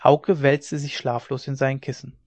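A man reading a classic novel aloud as an audiobook narrator in a steady storytelling manner. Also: mid-range voice, normal speed, no echo. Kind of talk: scripted narration. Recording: dry, dull lo-fi recording.

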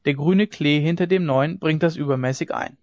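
A man reading the part of a stern, worried middle-aged dike reeve in a grave, measured voice. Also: a little high, darkish tone, no room sound, lightly acted. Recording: dry, dull lo-fi recording.

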